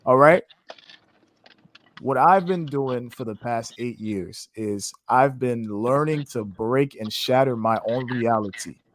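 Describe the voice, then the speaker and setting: A trading educator from Haiti speaks slowly in a mid-range voice, answering an interview like a passionate preacher with faith-driven language. He keeps it laid-back, throwing in "man" and "you know what I'm saying."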